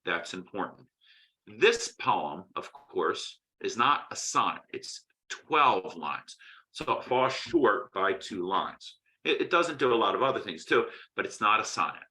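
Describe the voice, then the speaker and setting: A man's voice: fairly low pitch, very animated, unhurried, sharp tone, rough recording. A man teaching a poetry lesson in a conversational way, often checking in with "right?" and restarting his phrases. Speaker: literature teacher. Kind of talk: recorded poetry lecture.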